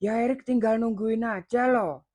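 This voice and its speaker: A woman's voice: a little high, moderate pace, mellow, no echo, natural voice. Woman doing an evasive lying young man. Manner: evasive, excuse-making.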